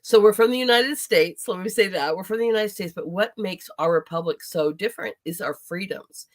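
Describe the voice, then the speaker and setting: A woman's voice: medium pitch, fairly quick. Chatty woman hosting an interview. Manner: chatty, enthusiastic, talks to the audience directly. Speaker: host. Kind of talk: casual interview chat.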